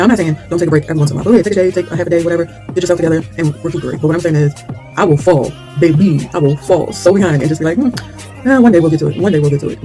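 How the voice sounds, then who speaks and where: Doing her own hair, a hair vlogger talks casually and openly in a low-pitched voice with a dark tone. Her chat wanders, and she keeps losing track of what she was saying.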